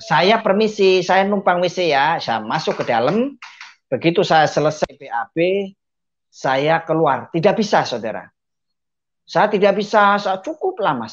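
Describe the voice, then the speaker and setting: A man's voice: on the high side, expressive, moderate pace, slightly rough. A man giving an earnest personal testimony, telling his story to listeners he keeps calling brothers and sisters, with hesitant fillers along the way. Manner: hesitant fillers mid-sentence. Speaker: testimony speaker. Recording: dull, muffled lo-fi audio.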